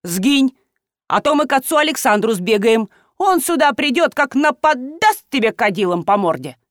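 A woman's voice: sits high, sing-song, normal speed, no room sound, studio quality, voice pushed up. A woman voicing a blunt, fearless old village woman who talks down dismissively.

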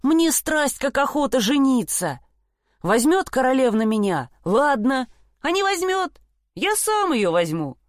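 A woman acting out a boisterous, simple-minded young peasant lad from a storybook, whooping and boasting as he goes. His voice leaps around with lively swings and sits close and dry. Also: sits high, unhurried, no room sound, voice pushed up. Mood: rowdy glee.

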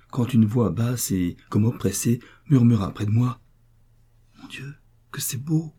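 A man narrating a classic novel in the first person, reading in a measured, descriptive way. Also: fairly low pitch, dark tone, husky. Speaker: audiobook narrator.

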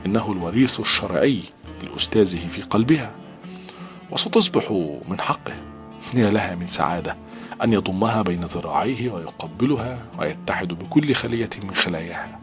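A man narrating an audiobook novel in a measured, dramatic reading style. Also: fairly low pitch, animated, music in the background.

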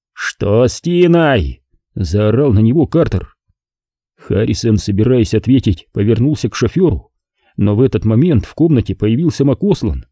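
A man narrating a crime novel as an audiobook in a measured, expressive reading, close to the mic. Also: on the low side, breathy edge, no room sound.

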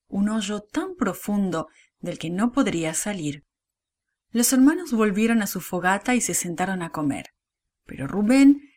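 Expressive woman telling kids a story. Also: medium pitch. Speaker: children's storyteller. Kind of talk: children's Bible story narration.

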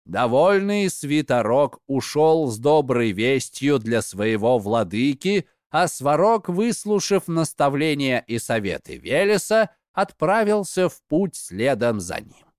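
Slow, expressive male storyteller. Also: mid-range voice, dry recording, clean studio sound. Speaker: narrator. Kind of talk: storybook narration.

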